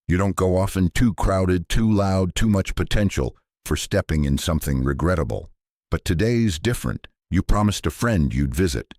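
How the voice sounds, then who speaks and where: Deep-voiced man, soft-spoken sleep narration. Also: no echo, studio quality. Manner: soft-spoken, unhurried, gently wry. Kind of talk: calm scripted sleep-story narration.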